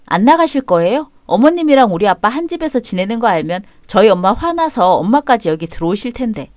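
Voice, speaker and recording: A woman's voice: fairly high pitch, big pitch swings, fairly quick, a little mellow, no echo, clean studio sound. A woman voicing a young married woman who talks in a cool, cutting and firm way. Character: sharp-tongued young married woman, daughter.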